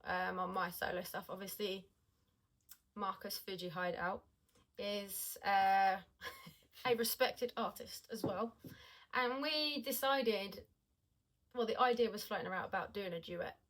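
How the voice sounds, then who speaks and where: A woman's voice: mid-range voice, unhurried, a bit bright, poor audio. A woman, a singer, chatting casually about her music with hesitant ums and restarts. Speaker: singer and podcast co-host. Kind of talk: casual chat.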